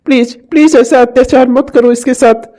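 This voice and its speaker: A woman voicing a gentle, soft-hearted middle-aged father in a cartoon who pleads with his wife. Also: high-pitched, fairly even intonation, moderate pace, close to an everyday voice. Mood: gentle pleading. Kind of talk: cartoon voice acting.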